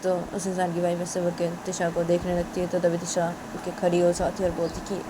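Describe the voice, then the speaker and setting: A woman's voice: fairly low pitch, completely flat delivery, a little fast, noisy background. A woman telling a story in casual, plain narration, stringing events together with 'then'.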